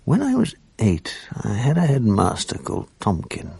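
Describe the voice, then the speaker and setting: In this radio drama, a man in his fifties with a British accent voices a sleepless, grieving middle-aged writer, weary and bitter, who recounts his days with gloomy, dry self-mockery. His heavily acted delivery sits on the low side at a moderate pace, mellow and husky with vocal fry and huge pitch swings. There's no echo.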